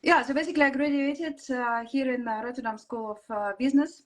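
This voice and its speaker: A woman in her forties with a Russian accent, a guest chatting on a video call, full of fillers and quick laughs. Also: high-pitched, crowd noise. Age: 40s. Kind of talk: casual interview chat.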